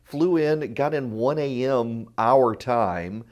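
A man hosts a talk radio show in a conversational, opinionated way, with a middle-pitched voice. He drops in dry, informal asides. The sound is echoey, picked up by a lav mic in a room with bare acoustics. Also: slow pace, darkish tone, muffled recording. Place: indoor room at a college without sound paneling. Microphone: lavalier.

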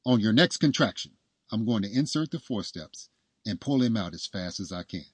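A man's voice: lowish voice, lively intonation, normal speed, slightly rough, no room sound. A man voicing a boastful, flamboyant middle-aged male doctor with a cocky, showy manner. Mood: commanding.

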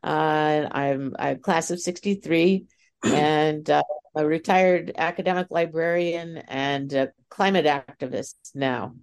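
Female, 80s, low gravelly voice, unhurried. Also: a little mellow. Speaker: retired librarian.

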